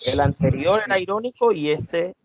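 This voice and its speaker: A man's voice: high voice, expressive, moderate pace, lo-fi sound, a crowd in the background. A man teaching an online class, repeating himself and questioning students.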